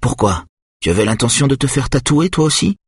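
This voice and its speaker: A calm, resolute mother, as a man reading aloud plays her. The voice sits above his natural low register and keeps a slightly husky, dry close sound. She speaks evenly and firmly. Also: brisk, no echo. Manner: calm, firm. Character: determined mother, calm and firm.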